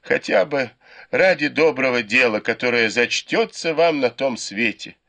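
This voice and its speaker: A male reader voicing a cowardly, beaten young nobleman who whimpers and begs in shrill cries. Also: animated, a little slow, vocal fry, fairly bright tone, heavily acted. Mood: whimpering.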